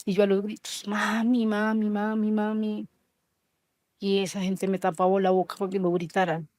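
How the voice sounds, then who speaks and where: Woman, 30s, from Colombia, interview guest; dark, even delivery, slow and halting, dry close sound. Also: mid-range voice, no room sound. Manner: slow, halting storytelling with soft trailing lines. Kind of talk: emotional personal testimony.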